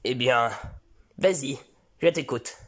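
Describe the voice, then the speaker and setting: A man voicing a weary male schoolteacher with a deadpan manner in a comedic fan parody. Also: medium pitch, takes it slowly, husky, pitched below the performer's own voice. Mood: patient.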